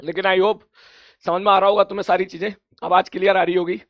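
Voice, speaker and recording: Male teacher from India, hoarse, high and gravelly, chatty warm-up talk. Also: little pitch movement, fast, dry recording, muffled recording. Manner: chatty, repeats greetings, laughs often. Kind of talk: casual chat before an online class.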